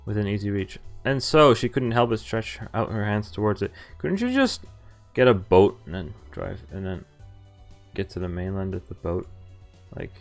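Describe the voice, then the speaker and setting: Over game music, a very animated man with a voice on the low side reads a visual novel aloud at a moderate pace. As a streamer, he reacts playfully and casually, acting out the characters' lines.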